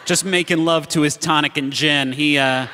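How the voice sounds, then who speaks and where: A man narrating an improvised tabletop game as game master, with comic, halting descriptions. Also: a little high, steady tone. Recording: live hall reverb, some noise.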